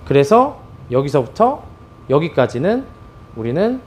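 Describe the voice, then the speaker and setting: A man's voice: fairly high pitch, unhurried, slight background noise. A middle-aged man, a bowling pro, giving an instructional demonstration, with frequent cues to his viewers as he explains. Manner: lively, animated explaining with many "자" cues.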